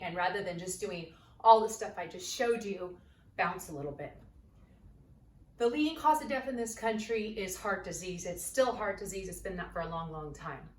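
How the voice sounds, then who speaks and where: A woman yoga instructor leading an exercise lesson, energetic and coaxing, out of breath as she bounces on a trampoline while she talks. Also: mid-range voice. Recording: roomy, distant camera mic, faint ambience.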